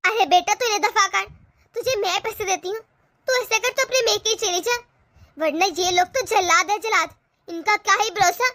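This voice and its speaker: A woman's voice: extremely high pitch, normal speed, no room sound. A woman voicing the caring, protective mother of a young bride in a cartoon. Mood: consoling. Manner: warm, coaxing, motherly. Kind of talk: cartoon voice acting.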